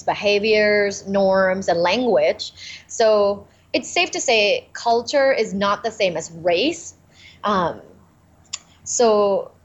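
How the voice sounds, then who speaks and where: A woman from Thailand, a communication professor, speaking as a podcast guest, cheerful and explanatory, laughing often. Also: medium pitch. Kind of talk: interview podcast. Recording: dull lo-fi sound.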